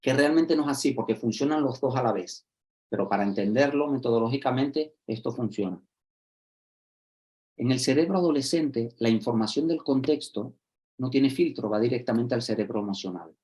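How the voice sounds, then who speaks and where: A social educator from explains things to fellow educators over a video call. He is animated and acts out little scenes in different voices. He keeps checking that the listeners are following him. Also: medium pitch, normal speed. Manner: lively, acts out examples, checks in with "¿vale?" and "¿sí?". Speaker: social educator giving a talk.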